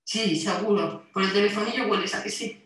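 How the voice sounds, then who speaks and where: A woman's voice: medium pitch, fairly quick, a bit bright, natural voice. An actress with a Spain Spanish accent playing a harassed woman who argues tensely with her ex over the intercom, pleading and exasperated. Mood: weary. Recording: echoey distant playback in a hall.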